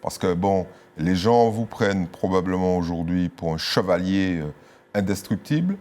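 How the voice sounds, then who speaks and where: A man's voice: sits low, lively intonation, normal speed, darkish tone. A man hosting a TV interview, asking probing and teasing questions in a studio. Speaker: talk show host.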